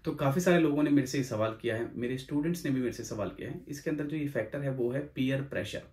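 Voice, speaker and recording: A young man rattles through his advice at a brisk clip, his voice sitting at an ordinary middle pitch. He hosts his own channel as an exam coach, speaking casually, circling back over his points and dropping English phrases into his talk. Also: a little mellow. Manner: rapid, repetitive, mixes English phrases into Hindi. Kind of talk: casual explanatory video talk.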